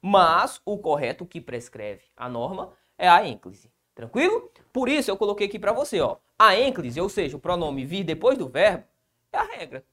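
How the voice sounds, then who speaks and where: A man's voice: high voice, very animated, normal speed, a bit bright. A Brazilian man teaching grammar in an exam-prep video lesson. He asks his own rhetorical questions and answers them himself. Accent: Brazilian Portuguese.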